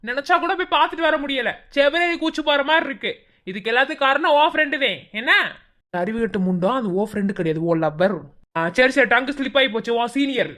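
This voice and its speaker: A scheming, spiteful young college woman sneers in a high, bright cartoon voice, as a woman plays her. She rattles her taunts off fast. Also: expressive. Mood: sneering. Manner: sneering and quick-tongued. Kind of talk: animated cartoon voice acting.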